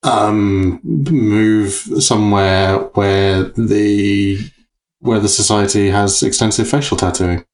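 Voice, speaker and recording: Blunt sweary man with a low voice. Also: steady tone, slow, a little mellow, a little hiss or hum. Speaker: podcast co-host. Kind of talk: casual comedic chat.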